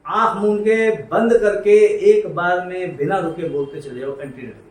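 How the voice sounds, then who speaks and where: A man's voice: sits high, moderate pace. A man teaching accounting to a class, drilling students to repeat entries and scolding them in a familiar, coaxing way. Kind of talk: classroom lecture. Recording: echoey room, distant mic, faint noise.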